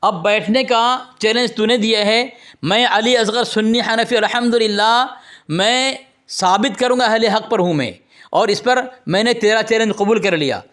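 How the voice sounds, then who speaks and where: A man with a fairly high voice argues in a heated religious debate. He is combative and accusing, pressing his opponent for proof. He keeps breaking off to address the listeners directly. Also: normal speed, fairly bright tone.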